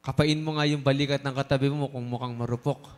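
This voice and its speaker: A man preaching a sermon in a lively, teasing way, mixing in English phrases and joking asides to the congregation. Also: mid-range voice, fast, clean tone. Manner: mixes Tagalog and English. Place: church service.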